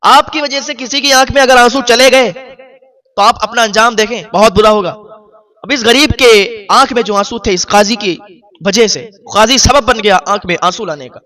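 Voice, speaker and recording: A man's voice: extremely high pitch, pushed and bright. A man preaching a sermon, narrating a moral story with emphatic asides to listeners.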